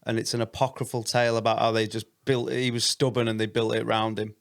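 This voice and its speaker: A man hosting a podcast, chatting casually and chipping in with quick banter. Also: lowish voice, flat delivery, gravelly. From England. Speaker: podcast host.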